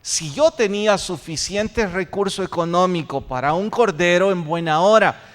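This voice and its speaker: A pastor with a high voice preaches a sermon at a moderate pace, putting rhetorical questions to his congregation. He's in a church sanctuary, and the recording carries a long church reverb.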